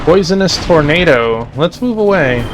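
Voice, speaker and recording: A man in a relaxed, chatty gameplay commentary, his voice a little higher than most men's. He rambles between fights and reads out the on-screen dialogue, with clear game music running underneath. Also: normal speed. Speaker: let's play host.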